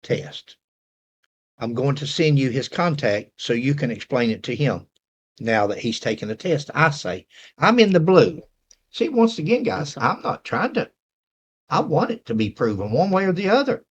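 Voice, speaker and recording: Male host, Appalachian accent, folksy rambling delivery, medium pitch, casual chat to an online audience. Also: very animated, moderate pace, slightly rough, muffled recording. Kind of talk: casual talk to viewers, reading messages aloud.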